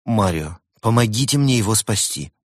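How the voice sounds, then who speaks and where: A man playing an anxious male tiger from a storybook, earnest and pleading. The voice stays fairly low and plain. It sounds dry and close. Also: lively intonation, moderate pace, no room sound. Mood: worried.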